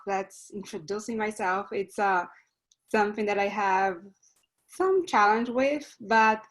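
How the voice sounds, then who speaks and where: In a low-quality recording from an online meeting, a woman from Brazil gives her self-introduction as a club member over a video call. She has a mid-range voice and a Brazilian Portuguese accent, and comes across as earnest but slightly hesitant.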